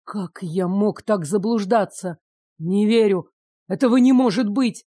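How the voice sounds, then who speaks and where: An earnest young hero reasons and pleads with his captors, read by a woman narrator. The voice stays mellow and close to her own. The recording is dry and close. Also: mid-range voice, a little slow, dry recording, close to an everyday voice. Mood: shocked. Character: earnest young male dragon-shifter hero.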